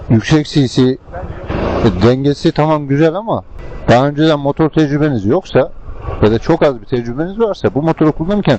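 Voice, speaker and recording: Guy motovlogging from inside his helmet, kinda dark muffled sound w some road noise, just rambling casually. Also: medium pitch. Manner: rambling, colloquial. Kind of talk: casual riding commentary to viewers. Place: inside a helmet, riding a scooter in city traffic. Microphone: helmet-mounted microphone. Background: vehicle and traffic noise.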